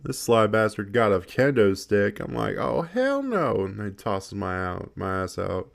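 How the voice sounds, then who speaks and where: A man's voice: fairly low pitch, level tone, moderate pace, vocal fry. A man giving casual gameplay commentary, swearing a lot, laughing often and rambling with restarts. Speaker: gaming video creator.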